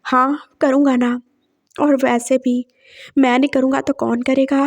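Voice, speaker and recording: A woman voicing a kind, trusting middle-aged father who speaks gently, in a story read aloud. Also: sits high, flat delivery, a little slow. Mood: gentle. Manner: gentle, reassuring.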